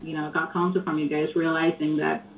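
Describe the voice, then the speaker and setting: A woman calling in to a radio show, speaking softly and earnestly with frequent pauses. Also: sits low, flat delivery. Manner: soft-spoken, earnest, halting. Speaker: caller. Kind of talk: call-in phone conversation. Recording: tinny phone line with hiss.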